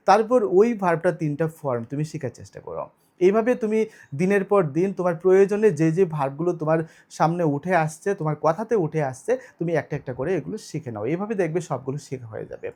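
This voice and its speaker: Male tutor, rather high voice, patient step-by-step grammar lesson with self-posed questions. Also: a little mellow. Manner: explains step by step, asks and answers own questions. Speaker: English teacher. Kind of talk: online video lesson.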